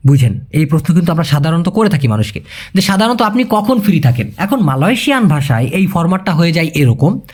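Lively man explaining a language lesson. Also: a little high, quick pace. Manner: emphatic, repeats and explains step by step, addresses the viewer as brother. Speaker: language teacher. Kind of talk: casual spoken language lesson.

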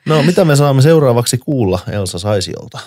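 A man hosts a casual podcast interview and asks brief, easygoing questions. His pitch moves around a lot, and the sound is dry and close. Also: dry recording. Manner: short relaxed questions.

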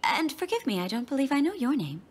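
A woman's voice: high-pitched, very animated, quick pace. A woman playing a composed, authoritative cartoon professor who speaks politely and formally. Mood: gracious. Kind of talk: animated cartoon voice acting.

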